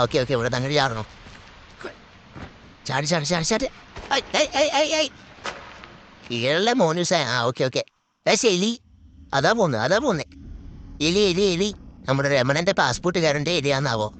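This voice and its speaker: A man giving live gameplay commentary as a gaming host, excitable and repeating words in quick bursts. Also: fairly high pitch, a little hiss or hum.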